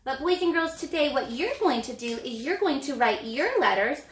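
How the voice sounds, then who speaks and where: A woman teaching a phonics lesson to young children, stretching out sounds slowly and acting out the motions for each vowel. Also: high-pitched, lively intonation, roomy sound. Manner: slow, exaggerated sound modeling with gestures. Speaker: elementary reading teacher.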